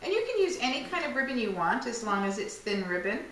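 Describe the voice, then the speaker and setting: Casual woman craft co-host, jokey, distant camera mic in a boomy room. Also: big pitch swings, fast, a bit bright. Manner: joking, chatty, self-mocking. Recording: echoey room, distant mic, faint hiss.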